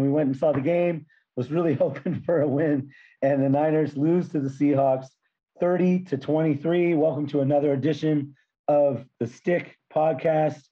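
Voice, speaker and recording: A hoarse man who has lost his voice from yelling, hosting a casual sports podcast in a blunt, frustrated way. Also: fairly high pitch, normal speed, muffled recording.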